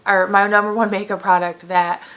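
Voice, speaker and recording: In this relaxed beauty Q&A vlog, the host, a woman in her late twenties, talks chattily with plenty of fillers and quotes things animatedly. A lingering cough keeps her clearing her throat. She speaks at normal speed in a medium-pitched voice.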